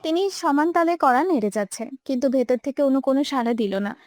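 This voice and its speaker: A woman's voice: sits high, a little fast, darkish tone, dry recording, clean studio sound. A young woman narrating a romantic audio story with emotive, dramatic delivery. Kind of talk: scripted narration.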